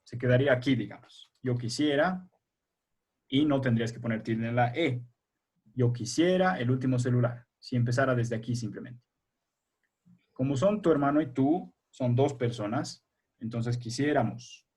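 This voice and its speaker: A man with a husky, slightly breathy voice teaches a primary school class over a video call. He explains patiently, one step at a time, and keeps checking with his pupils through questions. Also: mid-range voice, moderate pace, darkish tone.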